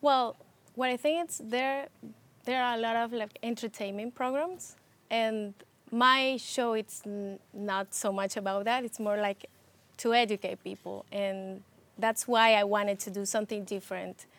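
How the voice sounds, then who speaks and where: Soft-laughing woman from Ecuador. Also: a little high, fairly even intonation, measured pace. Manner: hesitant, with restarts and soft laughs. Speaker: interview guest, TV producer and host. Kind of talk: casual interview conversation.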